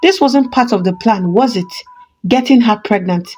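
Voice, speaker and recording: A woman voicing a defensive man from a church congregation, speaking low and guarded in a storybook narration. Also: normal speed, a little mellow, lightly acted.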